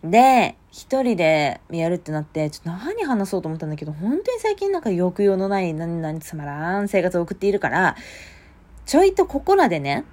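A young woman hosting a casual solo podcast late at night, chatty and lively, often bursting into a louder voice. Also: on the low side, fairly quick. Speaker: podcast host. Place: home at night.

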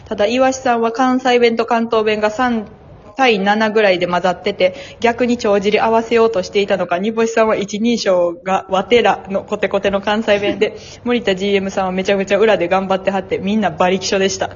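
A woman with a Kansai accent hosting a casual comedy radio talk, reading listener letters and telling stories in an animated way. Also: mid-range voice, fairly quick. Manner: reads listener letters, animated storytelling with mimicry. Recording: dull lo-fi recording.

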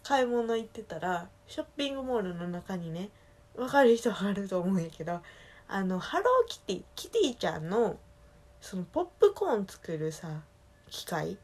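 A woman from Osaka speaking with a Kansai accent, chatting casually alone in a relaxed, rambling way that keeps correcting itself. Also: mid-range voice, normal speed. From Osaka, Japan. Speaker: solo podcast talker. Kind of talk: casual solo chat.

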